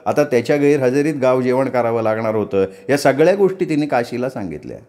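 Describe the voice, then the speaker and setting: कादंबरीचे अभिवाचन करणारा पुरुष कथाकथनकार. मध्यम उंचीचा आवाज, भावपूर्ण आणि रंगवून सांगण्याची शैली, संवाद साकारणारा. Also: male voice, mid-range voice, quick pace. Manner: expressive storytelling, acts out dialogue. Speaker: storyteller. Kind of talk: reading a novel aloud.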